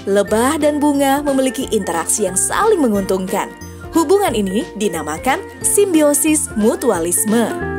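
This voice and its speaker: Woman narrator, educational children's show, high and lively voice, music behind. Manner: friendly, asks the audience questions.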